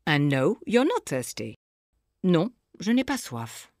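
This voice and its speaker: A woman narrating a scripted audio language lesson, explaining phrases slowly and clearly for the listener to repeat. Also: fairly low pitch, big pitch swings, heavy background noise. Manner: slow, clear teaching delivery with pauses for repetition.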